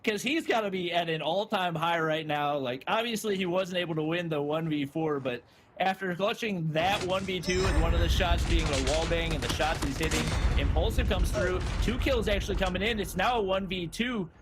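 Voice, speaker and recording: A man working as an esports caster, giving excited, analytical commentary on the play. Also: high-pitched, normal speed. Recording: noisy, game sounds behind.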